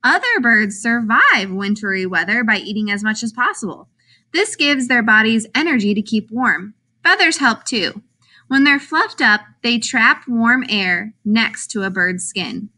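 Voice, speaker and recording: With a high, bright voice, a woman narrates a picture book for young children in an unhurried, expressive read-aloud. Her delivery is very animated, swooping up and down, and she emphasizes questions and answers.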